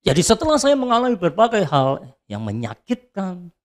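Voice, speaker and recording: Animated high-pitched preacher man. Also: normal speed. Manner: lively preaching, sudden swings between loud high calls and low soft asides. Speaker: pastor. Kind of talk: sermon.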